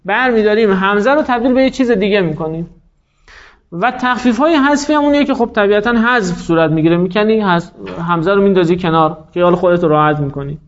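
High-voiced man teaching grammar. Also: muffled recording. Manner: explains step by step, asks and answers his own questions. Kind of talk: grammar lecture.

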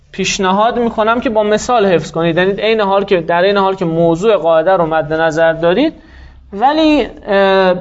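High-voiced man teaching grammar. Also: dull audio. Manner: explains step by step, asks and answers his own questions. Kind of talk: grammar lecture.

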